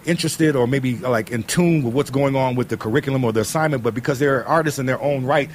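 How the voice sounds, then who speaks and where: A man's voice: quick pace, a little hiss or hum. A man hosting a casual radio talk show from Chicago, joking and swinging his voice up and down. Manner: animated, jokey, swoops his pitch up and down.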